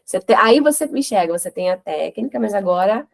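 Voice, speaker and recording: A woman early in her career as a therapist speaks in a mid-range voice. She is quick and enthusiastic, with her words tumbling out. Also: medium pitch, expressive, vocal fry. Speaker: new therapist. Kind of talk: group discussion.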